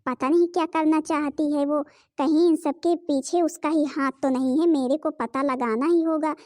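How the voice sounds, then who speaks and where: A woman's voice: sits high, steady tone, moderate pace, a little mellow, no echo, clean studio sound, lightly acted. A woman voicing a middle-aged mother-in-law in a cartoon, soothing and reasoning. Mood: concerned.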